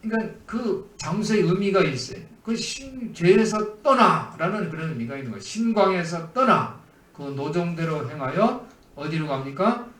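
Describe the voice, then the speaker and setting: A man's voice: high-pitched, lively intonation, normal speed, a bit bright, reverberant, far from the mic. A man preaching a sermon as pastor, asking the congregation questions as he teaches. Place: church sanctuary.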